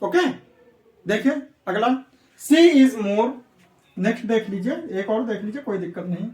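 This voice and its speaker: A man's voice: high-pitched, expressive, measured pace, darkish tone, distant mic. A man teaching English grammar for competitive exams, repeatedly asking questions and answering them himself. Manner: repetitive, asks students questions and answers them. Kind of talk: classroom lecture for exam prep. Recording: echoey room, voice away from mic.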